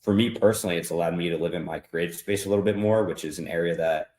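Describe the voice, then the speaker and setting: A man speaking as a podcast guest in a relaxed, reflective casual chat, pausing often with fillers. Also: deep voice, echoey room.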